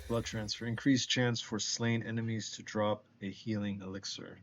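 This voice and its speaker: Stuffed up from allergies, a man streams a game and talks casually with his viewers, thinking aloud about what to do next. He speaks at a moderate pace in a lowish voice with fairly even intonation over a noisy background.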